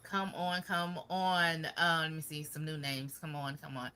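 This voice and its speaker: A woman from Michigan co-hosts a casual live gardening chat, warmly greeting viewers and talking easily with a Southern-style "y'all." Her voice is deep and a little slow, and the recording is very noisy.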